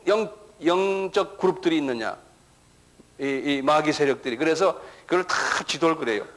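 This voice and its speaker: High-voiced man preaching a lecture-sermon. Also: a bit bright, low-quality recording. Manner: keeps asking the audience "예?" and repeats words as he starts. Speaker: pastor. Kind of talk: sermon-style lecture to a congregation.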